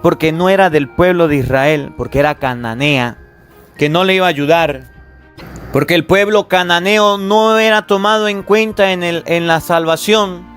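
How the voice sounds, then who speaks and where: A man, a priest giving a sermon, repeating key phrases with emphasis and speaking straight to his listeners. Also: fairly high pitch. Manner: repetitive, emphatic preaching that addresses listeners directly.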